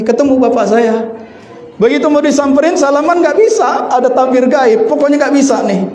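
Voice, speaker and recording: A middle-aged male Sufi preacher, telling a story in a sermon and leaping into high, excited bursts. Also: a little hiss or hum. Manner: calls himself the one telling a sick man's story. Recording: echoey room with faint ambience.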